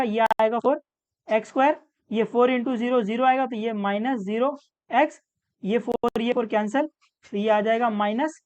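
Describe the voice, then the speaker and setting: A woman tutor walks through a maths problem step by step, with terms. Her voice sits a little high, and she answers her own questions patiently. The recording sounds dull and lo-fi. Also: darkish tone.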